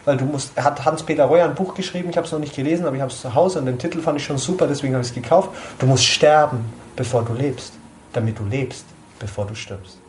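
A man's voice: medium pitch, quick pace, a little mellow, slight background noise. A man giving an informal sermon to a small group, conversational, often asking his listeners questions. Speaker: preacher at a small church group.

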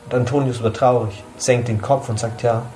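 A man's voice: medium pitch, steady tone, normal speed, a little mellow, soft background music. A man giving an informal sermon to a small group, conversational, often asking his listeners questions. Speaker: preacher at a small church group.

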